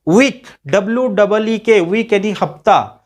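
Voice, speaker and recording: A man's voice: sits high, expressive, unhurried. Indian man spelling out English words. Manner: patient teaching, spells words out letter by letter. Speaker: English grammar teacher. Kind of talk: video lecture.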